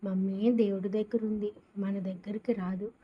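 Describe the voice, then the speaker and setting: A curt young father who says little and keeps it serious, as a woman reading the story puts him on. His lines come through a dull, lo-fi recording at a middling pitch. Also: fairly even intonation, normal speed, natural voice. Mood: sad. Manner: terse, serious. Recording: dull lo-fi sound.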